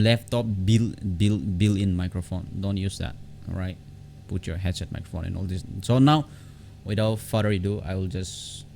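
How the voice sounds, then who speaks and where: Guiding his audience through a piece of software one step at a time, this YouTube-style tech tutor has a very deep, fry-laden voice. He's casual and halting, frequently doubling back on words, and a low hum of noise sits behind his home desktop condenser recording.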